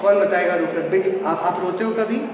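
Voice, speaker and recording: A man's voice: high-pitched, moderate pace, background noise. A man giving a sermon as a preacher, questioning his audience playfully and then answering himself. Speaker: Jain preacher. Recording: echoey hall from far off.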